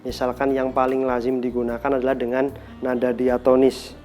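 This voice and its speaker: A man's voice: medium pitch, monotone, moderate pace, mellow, faint music behind. A man teaching an online singing lesson, explaining breathing and demonstrating scales. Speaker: music lecturer.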